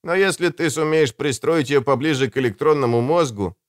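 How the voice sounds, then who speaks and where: A male audiobook narrator voicing a shy, clever teenage boy who speaks earnestly and teases gently. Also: fairly high pitch, a little fast, no room sound, studio quality, close to an everyday voice. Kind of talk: audiobook character voice.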